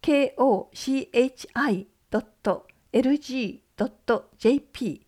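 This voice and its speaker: A woman radio announcer reading community event notices, working through lists of places and numbers in a measured way. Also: sits high, darkish tone.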